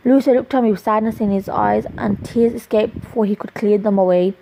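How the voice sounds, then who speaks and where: Gravelly woman reading her own story. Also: medium pitch, steady tone, dark tone, a little hiss or hum. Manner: plain, halting reading with small restarts. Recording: dull lo-fi recording.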